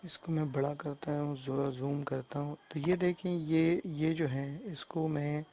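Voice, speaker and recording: A man talks through a software tutorial on his computer. His voice sits on the higher side and stays flat and even as he explains each step, often stopping to make sure the listener is following. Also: a little hiss or hum. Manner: hesitant fillers and restarts while working on screen. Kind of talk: screen-recorded software tutorial.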